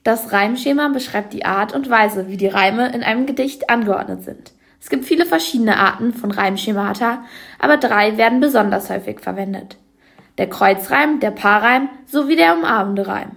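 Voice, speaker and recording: A woman's voice: on the high side, normal speed, creaky, a bit bright. A woman reading a scripted school lesson and quoting verses with emphasis. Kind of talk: scripted educational narration.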